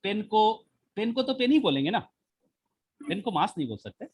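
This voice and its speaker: A man teaching a physics class online, explaining slowly with many repetitions and rhetorical questions, speaking with the mic held right at his mouth. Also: high voice, very animated, husky. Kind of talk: live online class lecture.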